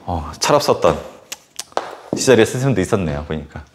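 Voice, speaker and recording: A man who teaches middle-school history, telling a casual anecdote in a lecture with animated storytelling and lots of filler words. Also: low-pitched, brisk, background noise. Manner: animated storytelling full of filler words and sudden acted outbursts.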